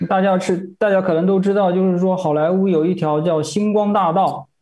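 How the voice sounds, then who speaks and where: A man's voice: sits high, steady tone, a little fast, a little mellow. A man interpreting a sermon phrase by phrase, hesitant, with many fillers and repeated words.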